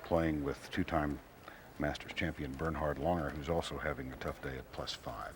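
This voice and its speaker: A man giving live golf broadcast commentary in measured, clipped phrases with pauses. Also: rumbling low, steady tone. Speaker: golf commentator, lead announcer on a hole. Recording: crowd and outdoor noise behind broadcast. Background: golf course crowd and outdoor ambience.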